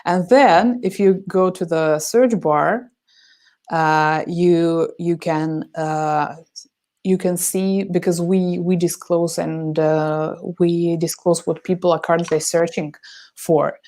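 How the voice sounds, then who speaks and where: A woman's voice: lowish voice, steady tone, a little mellow. A woman who develops business for a podcast app, answering interview questions in hesitant full of fillers and restarts. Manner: halting, many fillers and restarts.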